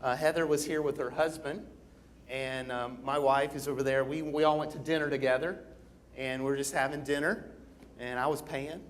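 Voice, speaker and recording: A man's voice: medium pitch, steady tone, normal speed, slight background noise. A man preaching a conversational sermon as pastor, casual and engaging, often checking in with his listeners.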